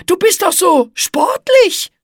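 A woman's voice: very high-pitched, animated, slow, dry recording, studio quality, voice pushed up, full character voice. A woman voicing a prim, easily offended young female spider in a storybook reading. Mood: eager.

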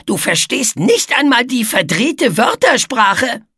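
Storybook: a cranky male bug, voiced by a woman, growls and garbles words, high and breathy. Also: sing-song, slow, fairly bright tone, dry recording, clean studio sound, heavily acted. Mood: mocking. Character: grumpy male bug who twists words.

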